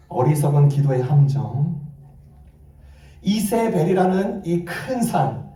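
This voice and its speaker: A man with a high, mellow voice delivers a sermon and stresses his key phrases. The pulpit mic sits some distance away. The church hall around him rings with echo. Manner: emphatic preaching, repeating key phrases. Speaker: pastor. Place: church sanctuary.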